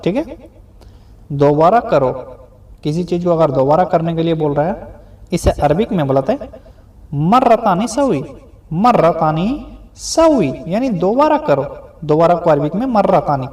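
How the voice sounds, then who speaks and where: A man teaching a spoken language lesson, repeating each phrase slowly and then breaking it down word by word, often ending with a rising check-in question. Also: high-pitched, mellow. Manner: ends explanations with a rising "ठीक है?" check.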